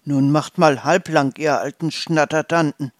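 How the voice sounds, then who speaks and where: A storyteller voicing a gruff but kindly old farmer in a children's story, speaking low and firm. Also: unhurried, no echo, clean studio sound, natural voice. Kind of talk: storybook reading.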